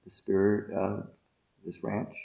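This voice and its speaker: A man leading a guided meditation and spiritual invocation in a deliberate, ceremonial manner, in short separated phrases. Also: lowish voice, monotone, creaky, mellow.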